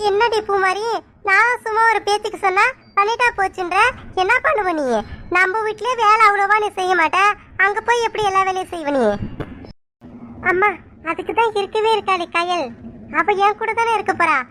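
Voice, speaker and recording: A woman voicing a sharp-tongued, scolding middle-aged village mother in a cartoon. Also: very high voice, steady tone, normal speed. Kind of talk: cartoon voice acting.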